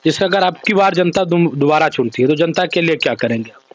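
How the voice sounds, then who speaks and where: A man's voice: on the high side, lively intonation, fairly quick. A male local news reporter who asks questions and then sums up with some hesitation and fillers. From Uttar Pradesh, India. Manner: hesitant, with filler sounds in summary. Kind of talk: news interview and sign-off report.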